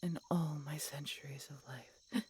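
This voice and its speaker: Casting: actress for ancient dying dragoness, low whispery voice, tender, halting and pained, audio roleplay, slightly noisy recording. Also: female voice, fairly even intonation, mellow. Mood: loving, sorrowful. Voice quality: breathy, whispery. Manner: halting, weakened, pained delivery with dramatic pauses. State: weak and in pain. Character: mortally wounded centuries-old female dragon, tender and resigned. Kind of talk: dramatic audio roleplay addressed to listener.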